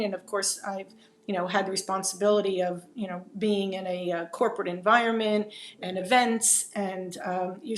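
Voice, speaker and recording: A woman with a New Jersey accent hosts an interview, thinking aloud in long, meandering sentences full of "you know" and "um." Her voice sits at an average pitch for a woman. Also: slight background noise. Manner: rambling, musing, full of fillers. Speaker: podcast host. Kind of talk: conversational interview.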